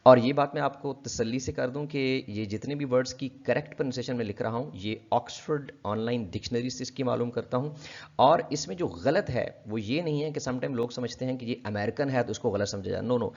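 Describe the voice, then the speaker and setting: A man giving a casual pronunciation lesson, repeating each word slowly and addressing viewers politely. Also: medium pitch, a little mellow. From Pakistan. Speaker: English pronunciation teacher. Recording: dull lo-fi audio.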